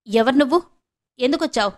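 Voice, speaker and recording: A proud middle-aged woman, voiced by a female narrator who speaks sharply and with scorn. She snaps out short questions in a high voice and does not hide her contempt. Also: animated, a little fast. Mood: scornful.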